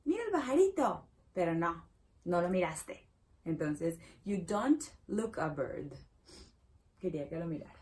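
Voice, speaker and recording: A woman teaching English in Spanish, patient and repetitive, slowing down to model each phrase and breaking into sudden excited exclamations. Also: lowish voice. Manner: drawn-out slow model phrases. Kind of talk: playful online English lesson in Spanish.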